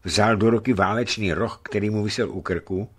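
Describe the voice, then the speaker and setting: A man narrating a novel in an expressive storytelling manner, recorded in a radio studio. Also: fairly low pitch, breathy edge. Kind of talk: audiobook reading of a novel.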